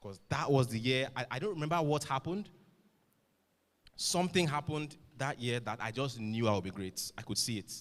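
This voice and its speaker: Guy preaching to students, punchy rhetorical qs, booming hall echo. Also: expressive, normal speed. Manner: emphatic, rhetorical questions, swings loud and soft. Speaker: motivational speaker. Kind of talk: motivational address to students.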